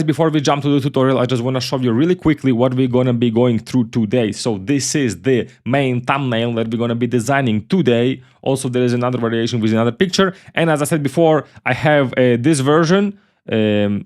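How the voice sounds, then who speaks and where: A man from Ukraine, hosting a casual software tutorial in a loose, chatty way and often repeating his words. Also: mid-range voice, brisk. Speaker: tutorial host.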